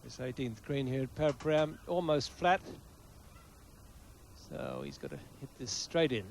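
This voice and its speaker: A man's voice: mid-range voice, wildly swooping pitch, normal speed, a little hiss or hum. A man giving live golf commentary in short, clipped phrases.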